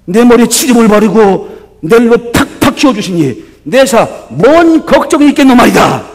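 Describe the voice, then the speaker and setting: A man voicing a cheerful male believer who recites a psalm in a Gyeongsang dialect, loudly and emphatically. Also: fairly high pitch, pitched above the performer's own voice.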